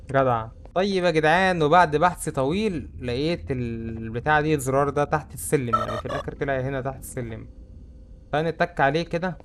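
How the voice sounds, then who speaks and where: A man's voice: mid-range voice, background noise. A young man with an Egyptian Arabic accent, chattering through a horror game and saying he is scared. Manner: chatty, jumpy, easily spooked. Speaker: gamer. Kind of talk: let's-play commentary.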